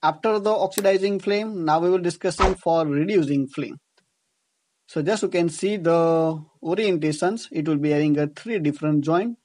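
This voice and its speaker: An Indian-accented man teaches engineering through scripted narration over slides, methodically explaining and rewording his points. He speaks at a moderate pace in a slightly high voice, with noise in the background.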